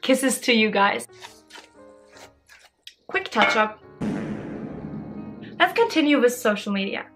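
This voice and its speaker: A woman's voice: a little high, animated, slow, pauses often, over music. A woman in her twenties answering fan questions in a casual, bubbly and giggly vlog chat. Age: 20s. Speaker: social media creator.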